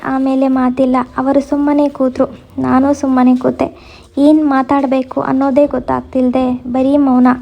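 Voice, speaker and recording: A woman telling a first-person story in a steady, measured reading voice. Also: high voice.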